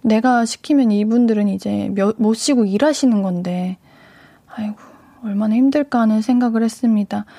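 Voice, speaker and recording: A woman's voice: on the high side, moderate pace, warm tone, no echo. A woman hosting a radio show, chatting casually with listeners and reading their messages in a studio. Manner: chatty, addresses listeners directly. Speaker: radio DJ host. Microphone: studio microphone.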